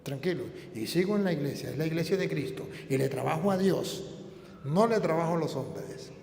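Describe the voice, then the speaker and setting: Male priest, high voice, unhurried, impassioned sermon delivery in a reverberant church. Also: expressive, vocal fry, darkish tone, slight background noise. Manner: impassioned, fires off rhetorical questions. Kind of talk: preaching a sermon.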